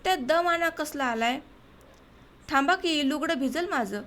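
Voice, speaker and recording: A fretful village woman who scolds and worries in quick, sharp lines, read by a woman. The voice is high and light, an audiobook reader keeping close to her own sound. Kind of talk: audiobook dialogue reading.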